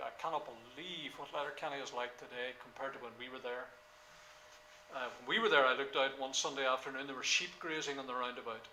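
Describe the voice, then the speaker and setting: Older man lecturing, halting. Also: mid-range voice, bright, forceful tone, slight background noise. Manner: halting with many fillers, then emphatic. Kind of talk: classroom lecture. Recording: echoey lecture room, faint ambience.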